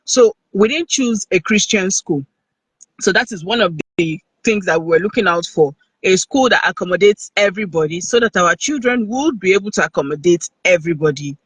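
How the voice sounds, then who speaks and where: A Nigerian man talks earnestly over a video call, his voice pitched fairly high for a man and a little husky. The sound is dry and close, with no room echo, and he keeps checking in with his listener as he talks. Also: animated, normal speed, a bit bright. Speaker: guest speaker. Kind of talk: casual live-stream talk.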